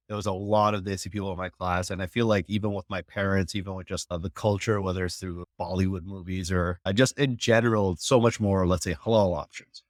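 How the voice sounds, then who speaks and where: A New York man in his thirties, a technology executive, shares personal stories as an interview guest, earnest and reflective. His voice is lowish, recorded at studio quality with no echo.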